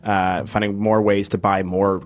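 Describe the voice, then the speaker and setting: A man co-hosting a podcast, speaking in a halting, hesitant way with frequent pauses and uhs. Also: lowish voice, flat delivery. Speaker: podcast co-host. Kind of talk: casual podcast discussion.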